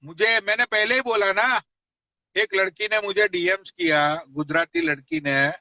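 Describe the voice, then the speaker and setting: Angry high-voiced man ranting on a live stream. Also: animated, moderate pace, bright, forceful tone, no room sound, dull audio. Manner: aggressive, constant profanity, taunting. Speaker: livestreamer. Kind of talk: abusive rant on a live stream. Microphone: phone.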